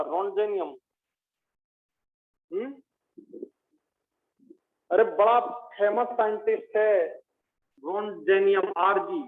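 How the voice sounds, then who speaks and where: Slow, high-voiced man drilling element names. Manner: repeats each element name slowly, drilling students. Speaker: chemistry teacher. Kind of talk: classroom lecture. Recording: tinny phone-like audio.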